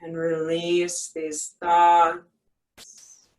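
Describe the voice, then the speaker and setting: A meditation guide speaking in a soothing yoga-teacher manner, leaving long pauses between short, gentle phrases. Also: mid-range voice, monotone. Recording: echoey room, distant from mic.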